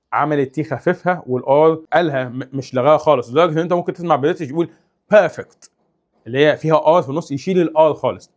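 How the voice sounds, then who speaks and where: A young man with an Egyptian Arabic accent teaching English in a casual, animated way, exaggerating sounds to demonstrate them. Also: fairly high pitch. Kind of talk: casual explanatory lesson.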